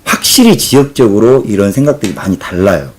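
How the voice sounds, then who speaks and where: Lively-pitched man from Jeolla, opinionated. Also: a little fast, husky. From Jeolla, South Korea. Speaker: channel host reading viewer comments. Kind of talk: casual commentary.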